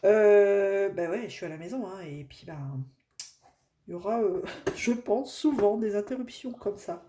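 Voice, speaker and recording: Speaking at a slightly slow pace, this woman has a medium-pitched, expressive, warm voice with a little hiss or hum in the recording. She's a craft vlogger from northern France with a Northern French accent, talking casually at home over a craft project and often using fillers and restarting sentences.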